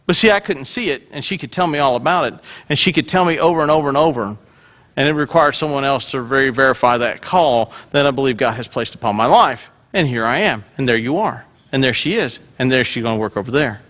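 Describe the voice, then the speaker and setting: Middle-aged male preacher, lively self-mocking storyteller, very expressive pitch. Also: fast. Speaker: pastor. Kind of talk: sermon.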